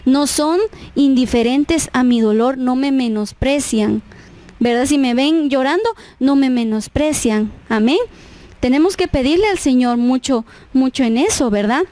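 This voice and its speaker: A woman's voice: high-pitched, a little slow, dark tone, dry recording. A woman giving an earnest devotional talk at church, often checking in with her listeners. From Guatemala. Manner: earnest, tags phrases with "¿verdad?". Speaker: church speaker.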